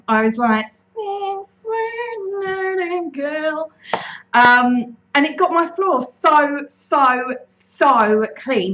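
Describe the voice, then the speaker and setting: A bubbly woman from the UK chatting on a live stream from home, her voice sitting a little high. She talks in an unhurried, easygoing way, greeting viewers one by one into a desk mic. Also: a bit bright, low-quality recording. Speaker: lifestyle channel host. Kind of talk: casual live-stream chat.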